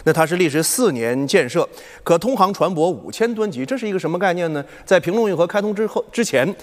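A man's voice: high-pitched, lively intonation, fast talker, in a large hall. A man presenting live as a formal news anchor, explaining point by point. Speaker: news programme host. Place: live television studio.

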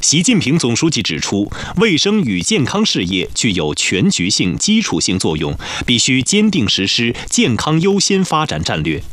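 A man's voice: mid-range voice, wildly swooping pitch, moderate pace, hardly any pauses, a bit bright, dry recording. Male news narrator, very wide intonation.

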